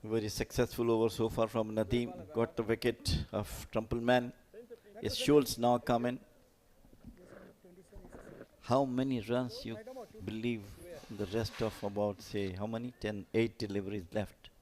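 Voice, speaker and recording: Lower-voiced male cricket commentator. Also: little pitch movement, measured pace, darkish tone. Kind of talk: live sports commentary.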